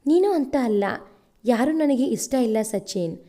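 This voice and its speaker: A hurt young bride in a spoken storybook , as a woman narrator puts her on. Her voice is high and mellow. She speaks quietly and in a subdued way. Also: animated, unhurried. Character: young woman, wounded, distrustful new bride.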